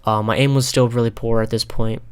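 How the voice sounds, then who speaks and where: A young man calmly talking over a replay of his own ranked match, pausing often with filler ums. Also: medium pitch, smooth. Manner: halting, many filler ums, calm and analytical. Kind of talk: casual gameplay commentary. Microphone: console headset mic.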